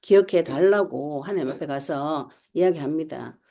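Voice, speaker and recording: Animated woman preacher, warm low voice. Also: normal speed, creaky. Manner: animated storytelling preacher, acts out quotes, laughs often. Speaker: pastor. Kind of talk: sermon. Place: online church service.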